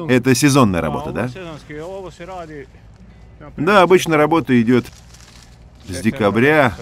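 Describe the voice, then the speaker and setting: A man voicing a documentary interview, asking and answering in a plain conversational way. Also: on the low side. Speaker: interviewer and voice-over narrator.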